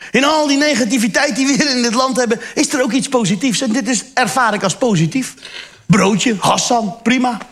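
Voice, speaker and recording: A middle-aged man doing stand-up comedy, often slipping into loud character voices. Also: very high-pitched, brisk. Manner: animated, switches into shouted character voices.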